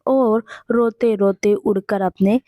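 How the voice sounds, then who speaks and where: A woman's voice: mid-range voice, steady tone, slow, warm tone, dry recording, clean studio sound. A woman narrating a children's moral story in a simple, repetitive storytelling manner.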